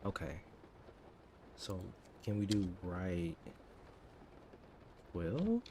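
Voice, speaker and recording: A man's voice: sits low, extremely slow. A man in his thirties livestreaming while he codes, thinking aloud in half-finished, muttered phrases. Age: 30s. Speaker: coding livestreamer. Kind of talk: casual livestream chat while coding. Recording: steady background noise.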